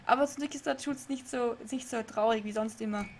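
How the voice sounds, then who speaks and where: A chatty young woman with a slightly high voice plays a game live from her room and talks with her viewers. She laughs a lot and keeps losing her way. A faint hiss sits under her voice. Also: fairly quick. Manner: chatty, laughs often, easily confused. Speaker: streamer. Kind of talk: live let's play with chat reading. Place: home room.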